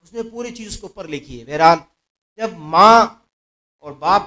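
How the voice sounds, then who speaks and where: A man preaching a sermon to a mosque gathering, telling a moral story earnestly, repeating phrases and letting his voice swell louder at key points. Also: high voice, expressive. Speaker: mufti giving a religious talk.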